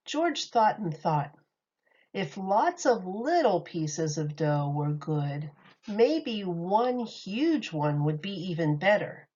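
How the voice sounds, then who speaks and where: A woman teacher reads a children's picture book aloud expressively and with liveliness. Her voice is on the low side and slow, and the recording sounds slightly muffled.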